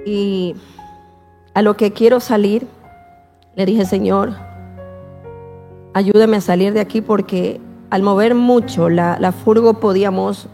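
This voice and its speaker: A woman with a gravelly, mellow voice recounts her testimony at a slow, emotional pace, often circling back to repeat a phrase. Her voice carries a long reverb, as if in a large hall, with soft music behind it. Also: medium pitch, fairly even intonation. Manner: slow, repeating herself, quoting prayers. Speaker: guest telling her testimony.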